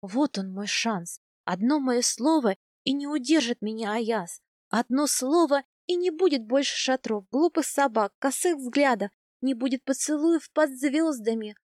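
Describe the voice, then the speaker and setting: A woman reading a first-person novel aloud, soft and intimate in tone. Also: high-pitched, animated, measured pace, dry recording, clean studio sound. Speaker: audiobook narrator.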